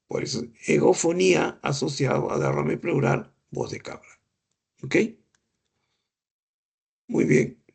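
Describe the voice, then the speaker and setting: A man's voice: a little high, vocal fry, a little mellow, slightly rough. A middle-aged man lecturing on clinical examination, explaining patiently, asking rhetorical questions and imitating breath sounds. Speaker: medical lecturer.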